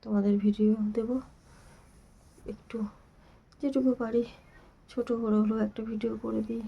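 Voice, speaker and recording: A woman with a sore, hoarse throat talking softly and half-whispering in a casual home vlog. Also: a little high, fairly even intonation, moderate pace, dull audio. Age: adult with a daughter. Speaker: vlogger.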